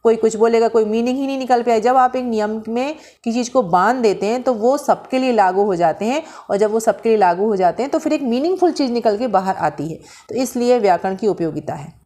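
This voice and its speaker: A woman teaching a Sanskrit grammar lesson from handwritten notes. She explains slowly, mixes English terms into her Hindi, asks questions and answers them herself, and draws out vowel sounds when she demonstrates them. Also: a little high, mellow.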